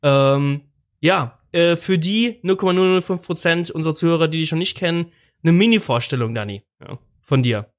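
Slightly high-voiced male podcast host. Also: moderate pace. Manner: relaxed, jokey, loose. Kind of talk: casual podcast interview.

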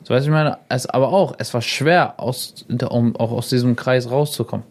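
A man's voice: medium pitch, fairly quick. A young man, a YouTuber guest on a radio show, telling stories casually and acting out the quoted dialogue. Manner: animated, acts out quoted dialogue. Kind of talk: casual storytelling.

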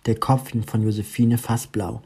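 A man narrating a story with an expressive reading. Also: medium pitch, a little slow, gravelly, husky.

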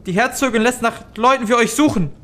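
Man acting a high-pitched, frightened, suspicious townsman. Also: fast talker, bright, forceful tone. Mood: fearful, accusing. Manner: stammering, agitated. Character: frightened, suspicious man behind a locked door.

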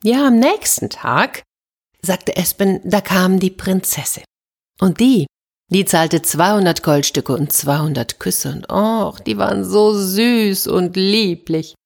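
A woman's voice: mid-range voice, slow pace, gravelly, voice pushed up. A woman doing a cheeky young fairy-tale hero.

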